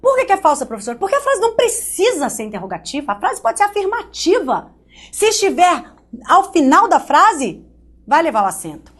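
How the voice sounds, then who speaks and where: A woman from Brazil teaching an online grammar lesson, lively and joking, speaking straight to the student. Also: very high-pitched, fairly quick.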